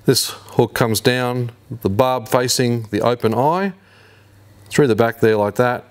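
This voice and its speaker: A man in his fifties with an Australian accent, hosting a fishing tutorial in a garage workshop and explaining each step in a relaxed, slangy way. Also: medium pitch, slow pace. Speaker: fishing channel host. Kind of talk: hands-on tutorial. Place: indoor garage workshop with shelves.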